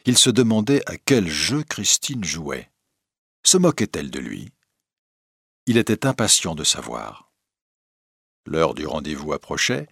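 Male narrator, low-pitched, dry studio read, steady dramatic storytelling. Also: husky, dry recording.

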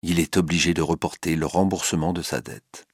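A man narrating a story in an expressive, dramatic reading style. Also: low voice, fairly quick, husky, dry recording, studio quality.

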